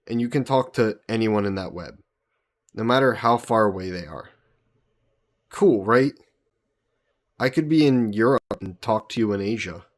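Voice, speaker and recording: In a roleplay audio drama, a man plays a friendly, patient human hero from Earth who explains things conversationally to a listener. His voice is fairly low, and the acting is light.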